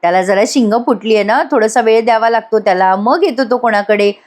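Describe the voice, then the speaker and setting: A woman's voice: fairly high pitch, fairly quick, a little mellow, lightly acted. A woman voicing a protective young mother explaining fondly about her baby.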